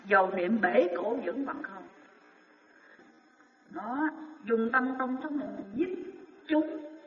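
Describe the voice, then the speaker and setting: A man delivers a Buddhist sermon, asking questions aloud and answering them himself with emphasis. He sounds distant from the microphone, with his voice trailing into a long hall echo. The recording is dull and muffled. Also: very high voice. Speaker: Buddhist dharma teacher.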